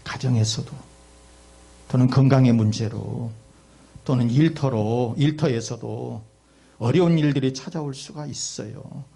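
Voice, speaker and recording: A man's voice: mid-range voice, unhurried, gravelly, warm tone, slightly rough. A man preaching a sermon as pastor, telling stories emphatically and addressing the congregation directly.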